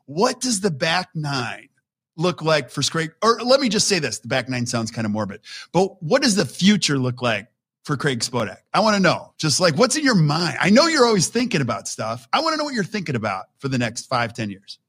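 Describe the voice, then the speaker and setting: Lively higher-voiced man, fifty. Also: fairly quick, slightly rough. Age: 50s. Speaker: podcast host. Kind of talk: casual podcast interview.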